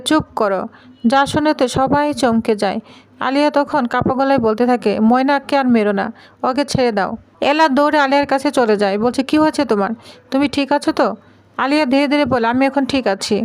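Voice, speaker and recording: A woman with a high, bright voice retells a television drama episode as a spoken story. She reads each character's lines in much the same voice, carrying the plot along in steady storytelling narration. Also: no echo, poor audio. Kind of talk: storytelling narration with quoted dialogue.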